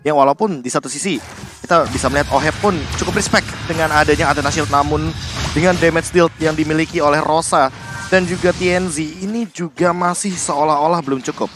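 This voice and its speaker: A man's voice: a little high, fairly quick, music in the background. A man giving analytical esports commentary, explaining play in long unbroken sentences.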